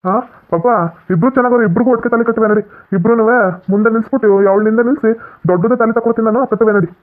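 A man playing a childish, lovesick madman son in a village comedy skit, insisting and whining fast. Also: very high voice. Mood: insistent. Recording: tinny phone-like lo-fi audio.

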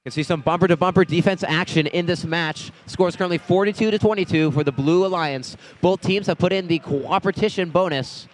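A man announcing a robotics competition, giving steady live play-by-play of team numbers and scores at the event venue. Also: high-pitched, brisk, few pauses, slight background noise. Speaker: match announcer.

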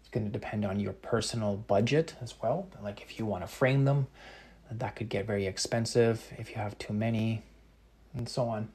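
His voice slightly rough and on the low side, a Canadian man in his thirties answers live-chat questions about his painting at a moderate pace. He's laid-back, thinking aloud through many ums and restarts while pronouncing some words quite exactly.

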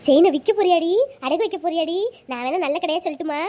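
A nagging older mother-in-law, voiced by a woman, bossy and meddling in a cartoon. She scolds in a very high, shrill voice and rattles her words off at a fast clip. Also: dark tone. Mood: nosy. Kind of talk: cartoon voice acting.

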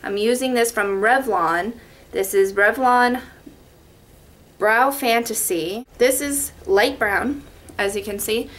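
Slow and a bit bright, her fairly high voice carries a chatty, rambling makeup tutorial. The young woman is a beauty vlogger from Las Vegas, recording at home in her bedroom on a webcam set in front of her.

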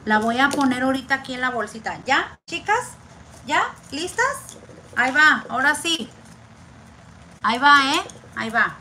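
A woman vlogger holding a giveaway raffle, chatting casually and slowly drawing out each name she reads. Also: high voice, lively intonation, sharp tone, a little hiss or hum, rough recording. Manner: slow, chatty, drawn-out name reading. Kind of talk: casual live raffle chat.

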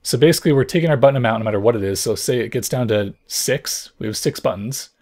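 Young man, hoarse voice, gravelly fry, middle pitch, casual coding tutorial, thinks out loud, keyboard typing behind. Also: quick pace. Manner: thinks out loud, hesitant explaining. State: hoarse from lost voice. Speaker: programming tutorial host.

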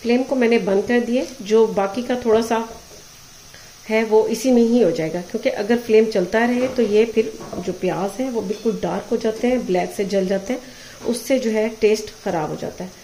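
Calm woman teaching a recipe. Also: on the high side, moderate pace, a little hiss or hum, rough recording. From Pakistan. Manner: calm, methodical, checks in with "ठीक है". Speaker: cooking show host. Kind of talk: step-by-step recipe instruction. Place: home kitchen. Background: frying and stirring sounds.

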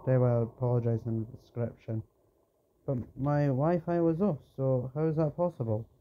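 A man's voice: mid-range voice, normal speed. A man talking his way through a horror game, rambling on and pleading with the character chasing him. The recording is dull and lo-fi, with a faint hum underneath. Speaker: gamer. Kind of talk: let's play commentary.

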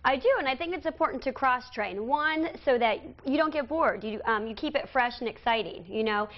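A woman's voice: high voice, brisk, lo-fi sound. A woman fitness trainer coaching exercises in an indoor studio, a little out of breath, with upbeat cues. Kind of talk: coaching a workout demo.

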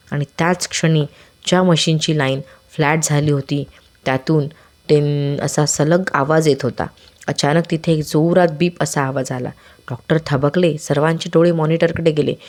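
A storyteller giving a scripted devotional story narration in a measured, dramatic way. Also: mid-range voice, darkish tone.

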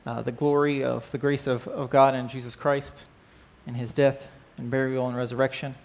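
Gravelly and darkish in tone, this man's mid-range voice moves little in pitch and keeps a normal speed. Teaching a church class that begins with an opening prayer, he's conversational, quizzing listeners and peppering his talk with "right?" and "uh," on an indoor church stage set up with band gear.

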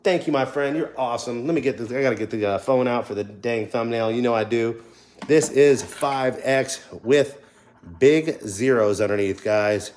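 Casting: middle-aged male livestream host, casual and chatty, mid-pitched voice, slight noise and clicks. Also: moderate pace, darkish tone. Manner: chatty, addressing viewers. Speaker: livestream host scratching lottery tickets. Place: indoors at a wooden table.

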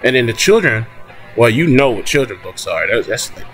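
A man's voice: mid-range voice, sing-song, moderate pace, soft background music. A young man whispering hesitantly to his viewers at home at night, with lots of restarts and fillers, so he won't wake family next door. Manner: whispering softly. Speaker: channel host. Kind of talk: casual talk to viewers.

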